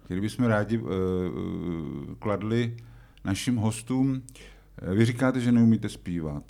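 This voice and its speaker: Muž, moderátor podcastu, klade hostu otázky obšírně a hovorově, nahrávka z pražského klubu. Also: male voice, fairly low pitch, creaky, dark tone. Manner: chatty, rambling questions. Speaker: podcast host. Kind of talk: interview questions. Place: Prague music club.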